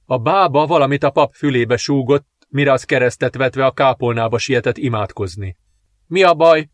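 A man reading a fantasy novel aloud in measured, dramatic scripted narration. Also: medium pitch, no echo. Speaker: audiobook narrator.

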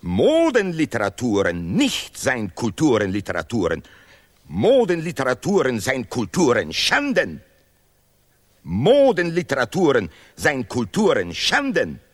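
With a medium-pitched voice that swings hugely up and down, an actor plays a self-righteous, pompous male laureate in an absurdist radio play. He lectures with vehement, deliberately ungrammatical declamation, sounding pompous and preachy.

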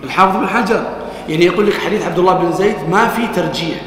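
A man's voice: high-pitched, rapid-fire. A man teaching a classroom lesson, reciting texts and questioning his students as he explains them. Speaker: teacher of hadith. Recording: echoey hall with long reverb, faint noise.

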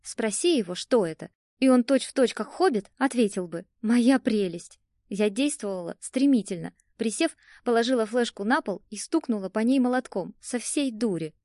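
A woman narrating a first-person audiobook in a lively, expressive storytelling manner. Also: a little high, normal speed, no echo, studio quality.

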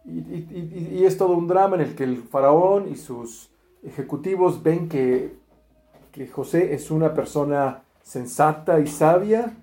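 A man preaching a sermon, retelling a Bible story in a lively way and acting out the quoted speech, with frequent fillers and restarts. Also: fairly high pitch, unhurried, echoey room.

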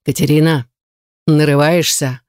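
Woman putting on a low sly rector guy, smug and bossy, warm dark tone. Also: lively intonation, normal speed, no echo, studio quality. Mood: teasing. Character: smug domineering male rector, teasing.

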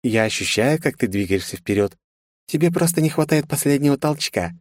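A man's voice: mid-range voice, expressive, brisk, dry recording, studio quality, pitched above the performer's own voice, lightly acted. A man voicing a stern, irritable female mentor who speaks in a raised, instructive tone.

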